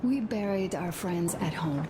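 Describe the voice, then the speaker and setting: Grieving and anxious, a young video game wife opens up tenderly to her husband, slow and soft, reflective and intimate. Her voice has a fairly low pitch yet sounds animated, with distinct ambient noise in the background.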